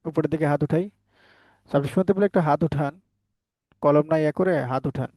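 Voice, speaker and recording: Male teacher on a headset, slightly high, warm and dry, quizzing the class over and over. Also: fast talker, dry recording. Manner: drills the class with repeated call-and-response questions. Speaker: English teacher. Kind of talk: online class teaching pronunciation.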